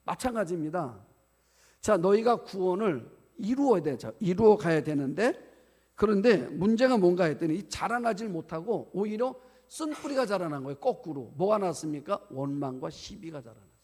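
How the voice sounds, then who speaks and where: A man's voice: high-pitched, lively intonation, normal speed, darkish tone. A male pastor preaching a sermon to his congregation, asking them questions as he goes. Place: church sanctuary. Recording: long church hall reverb.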